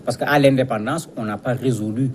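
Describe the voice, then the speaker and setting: Appearing as a studio guest analyst in a TV news interview, this mid-pitched man explains his points briskly and didactically. He often repeats a word as he hunts for the next phrase, and faint noise sits behind him.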